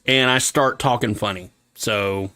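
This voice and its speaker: A man streaming himself at work, thinking aloud in a halting, casual way, with a slight lisp. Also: on the low side, pushed and bright, dry recording. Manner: thinking aloud, halting, talks himself through small decisions. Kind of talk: casual livestream commentary while working.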